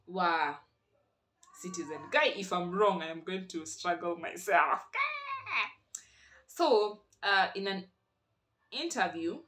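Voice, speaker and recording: Bright-voiced Kenyan woman vlogging. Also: lowish voice, slow, long pauses. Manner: playful, teasing, chatty, switching between languages mid-sentence. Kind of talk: casual chat.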